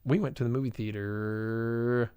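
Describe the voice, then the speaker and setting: A man's voice: medium pitch, steady tone, unhurried, dark tone, clean tone, no echo. A man co-hosting a casual podcast chat in a laid-back, slangy way. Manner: laid-back, says dude and bro. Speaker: podcast co-host.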